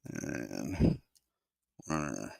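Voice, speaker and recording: A man calling play-by-play for a simulated baseball game, talking himself through the game software and swearing under his breath when it fights him. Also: a bass voice, big pitch swings, drawn-out words, vocal fry, no room sound, clean studio sound. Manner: talks to himself while working the game software. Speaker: host of a baseball simulation channel.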